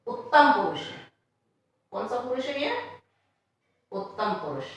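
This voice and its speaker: Slow, patient woman teacher in echoey room. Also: on the high side, a bit bright. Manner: asks questions and answers them herself; reads each line slowly, then explains it. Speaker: Sanskrit teacher. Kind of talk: classroom lesson explaining a text line by line.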